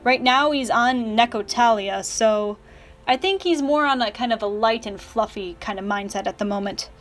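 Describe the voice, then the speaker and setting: A woman with a notably high voice reads out viewer questions and answers them in a loose, chatty way. She teases and slips in dry sarcastic jabs. Faint music plays underneath. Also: moderate pace. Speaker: channel host answering fan questions. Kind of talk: casual question-and-answer vlog.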